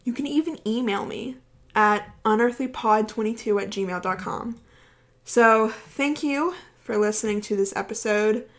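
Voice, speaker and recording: A woman hosting a podcast in casual chat, talking fast and rambling with lots of fillers. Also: a little high. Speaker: podcast host.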